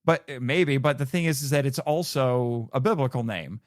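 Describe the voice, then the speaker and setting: A man's voice: medium pitch, expressive, moderate pace, dry recording, studio quality. A man hosting a casual film discussion, explaining things in a rambling way and backtracking mid-thought. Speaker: film podcast host.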